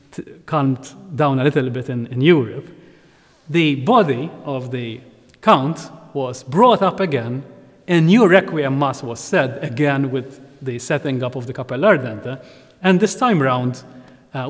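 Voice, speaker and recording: A man, giving an animated lecture at a lectern, with frequent ums and restarts. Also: medium pitch. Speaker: researcher and curator giving a talk. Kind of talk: lecture on art history. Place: ornate church interior at a lectern. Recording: long reverb of a large church hall.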